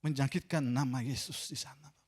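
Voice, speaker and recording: A man with an Indonesian accent preaching a sermon as pastor in a church, swinging between loud, mocking asides and quiet, confessional lines. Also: medium pitch, fairly even intonation, moderate pace. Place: church sanctuary. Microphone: pulpit microphone.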